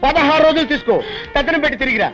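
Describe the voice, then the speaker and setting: A man playing a forgetful, blustering office boss in a comedy film scene, giving orders fast. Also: very high-pitched, lively intonation, fairly bright tone, soft background music, rough recording. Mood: bossy. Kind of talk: comic film dialogue.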